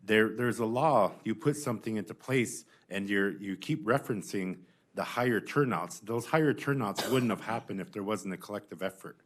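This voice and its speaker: Low-pitched man testifying, halting and insistent. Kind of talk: spoken testimony, answering questions.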